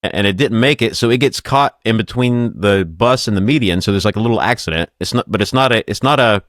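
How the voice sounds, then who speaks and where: A man's voice: fairly low pitch, fast, a bit bright, no room sound, clean studio sound. A middle-aged man hosting a podcast, telling rambling stories in casual chat and laughing often. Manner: storytelling, laughs often, stumbles and restarts. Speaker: podcast host.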